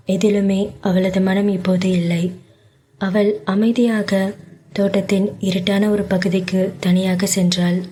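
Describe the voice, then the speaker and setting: A woman reading a romance story aloud in a slow, measured narration. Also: mid-range voice, mellow. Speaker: audiobook narrator.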